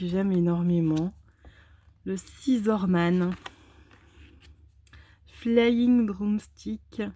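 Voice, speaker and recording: Mellow-voiced French woman presenting card decks. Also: mid-range voice, slight background noise. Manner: chatty, many hesitant fillers. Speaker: tarot and oracle card channel host. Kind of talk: casual card deck presentation.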